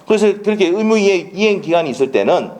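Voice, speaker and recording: A man's voice: high-pitched, sing-song, fast talker, a little mellow. A man with a Gyeongsang Korean accent giving a classroom law lecture, blunt and colloquial, constantly firing rhetorical questions and checking that students follow.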